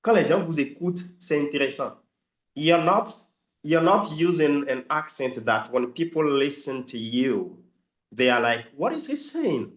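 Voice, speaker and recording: A man giving a live online English training talk, lively and emphatic, often stopping to hunt for a word. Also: on the high side, a little slow, echoey room, dull audio. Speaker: English language coach.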